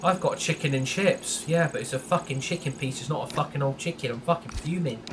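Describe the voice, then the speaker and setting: A man's voice: on the high side, a little fast, background noise. A man hosting a gaming channel, giving casual gameplay commentary while grumbling and swearing in frustration at home.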